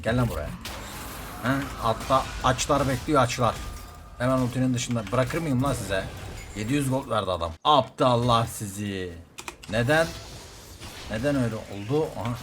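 Excitable man giving gameplay commentary. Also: mid-range voice, noisy background. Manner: excitable, quick reactive outbursts, repeats words. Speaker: game streamer.

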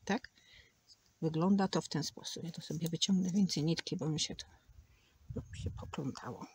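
A woman's voice: sits low, normal speed, a little mellow, slightly rough. A woman teaching a crochet tutorial, patiently counting stitches aloud and sometimes dropping to a near whisper. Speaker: crochet instructor.

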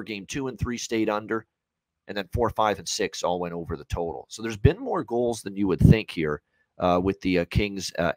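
A sports betting analyst in his thirties gives unscripted commentary on a hockey preview show over a video call from a small room at home. He is emphatic and repeats his points. His voice is lowish and a little mellow, with no echo but low recording quality.

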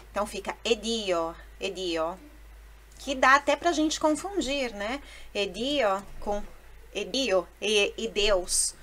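A Brazilian woman with a Brazilian Portuguese accent, an Italian teacher giving a language lesson who explains step by step and repeats words slowly and clearly. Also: a little high, a bit bright.

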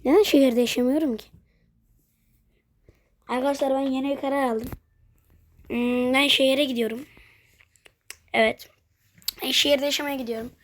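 High-voiced excitable woman streamer. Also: normal speed, long pauses. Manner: excitable, swears freely, jumpy outbursts. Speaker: gaming streamer. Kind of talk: casual let's-play commentary.

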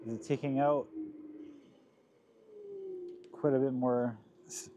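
A man's voice: mid-range voice, steady tone, slow, dark tone. A man vlogging casually while riding a scooter outdoors in windy farmland, speaking into a clip-on lapel mic whose noise reduction processing leaves artifacts on his voice. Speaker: tech reviewer. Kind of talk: casual vlog. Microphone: clip-on wireless lapel mic.

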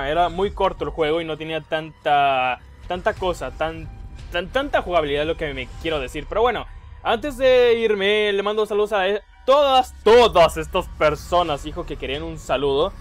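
Young gaming YouTuber, high-pitched man, jumpy, shrieks at scares. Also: normal speed, faint music behind. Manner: excitable, yelps and squeals when scared. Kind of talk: let's play commentary.

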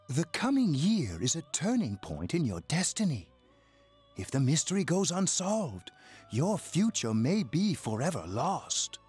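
A man's voice: on the high side, darkish tone, breathy edge, full character voice. A man playing an eerie, amused old fortune teller in a video game, speaking theatrically and portentously. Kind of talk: scripted video game dialogue. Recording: game audio over background music.

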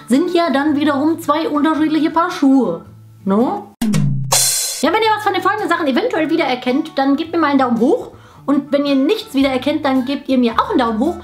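A woman in her twenties hosting a scripted comic vlog, speaking to camera in a playful, ironic way. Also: high voice. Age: 20s. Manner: playful, ironic, animated delivery. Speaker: video host. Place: small furnished room with bookshelves.

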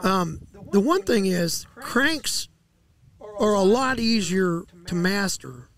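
A middle-aged man with a fairly high, gravelly voice talks shop as a fishing guide. He explains things in an easygoing way, with fillers and restarts. He speaks into a headset mic out on a lakeside deck. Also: big pitch swings, takes it slowly, a bit bright. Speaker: walleye fishing guide, podcast guest. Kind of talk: casual interview. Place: outdoor deck by a lake.

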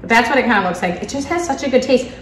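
A woman with a somewhat high voice chats with her mouth full, chewing as she talks in a casual taste-test style. Her chatty manner comes through in a roomy, echoey space. A faint background hum sits under her voice. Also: lively intonation, rapid-fire. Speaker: food vlogger and mother.

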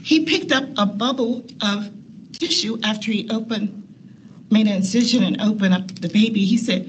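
A woman's voice: mid-range voice, normal speed, highs cut off, a little hiss or hum. A woman, a nurse educator, telling personal stories on a panel, laughing often and acting out quotes. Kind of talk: personal storytelling. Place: meeting room, seated at a long table.

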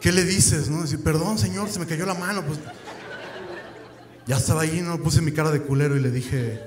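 Young Mexican male comic, crude deadpan delivery, slightly high voice, echoey room. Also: normal speed. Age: young adult. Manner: crude, deadpan storytelling with lots of slang. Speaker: stand-up comedian. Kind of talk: stand-up comedy set. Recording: echoey club with crowd noise.

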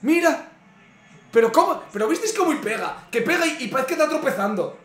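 A man's voice: extremely high pitch, expressive, a little fast, a bit bright, faint music behind. A young man with a Spain Spanish accent, reacting live to a football match, swearing and exasperated at the screen. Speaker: streamer. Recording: echoey room.

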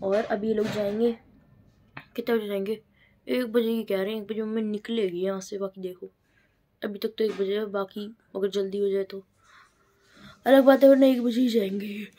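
A woman's voice: mid-range voice, fairly even intonation, moderate pace, pauses often, warm tone. A young woman chatting casually to her viewers at home in a teasing, talkative home vlog. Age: young adult. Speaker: vlogger.

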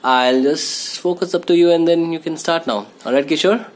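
A man's voice: fairly high pitch, moderate pace. A young man hosting his own channel, chatting casually and teasing his friend, with plenty of loose fillers. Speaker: channel host. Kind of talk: casual chat.

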